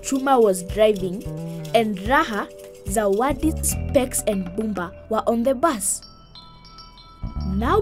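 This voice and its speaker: A woman narrating a children's cartoon story with expressive, suspense-building delivery. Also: a little high.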